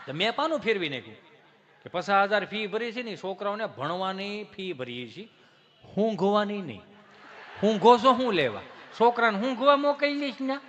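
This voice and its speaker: A man's voice: high-pitched, animated, moderate pace, a bit bright, lo-fi sound. A man with a Kathiawadi Gujarati accent doing live stand-up, telling folksy stories with punchy rhetorical asides to the audience. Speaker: stand-up comedian.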